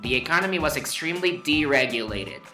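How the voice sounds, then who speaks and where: Narrating a scripted history lesson, this male host sounds a little high and a little fast, with lively intonation and a sharp tone. He tosses in wry, playful asides and draws words out for emphasis, with roomy echo and soft music in the background.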